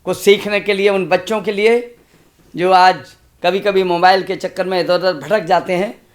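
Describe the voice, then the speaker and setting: A man's voice: high-pitched, fairly even intonation, normal speed. A man in his sixties, a comic poet reciting humorous verse on stage, repeating lines and making chatty asides to the audience.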